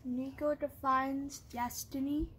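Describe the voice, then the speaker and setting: High-voiced woman reading out card names. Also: level tone, takes it slowly, fairly bright tone, slight background noise. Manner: reads card names aloud, hums little sound effects. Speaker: channel host. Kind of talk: casual pack-opening vlog.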